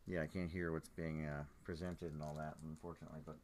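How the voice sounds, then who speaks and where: A man's voice: extremely low pitch, little pitch movement, fast, darkish tone, slight background noise. A groggy man who has just woken up, musing casually and unhurriedly as he sells specimens on a livestream, trailing off mid-thought. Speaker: live auction seller showing amber specimens.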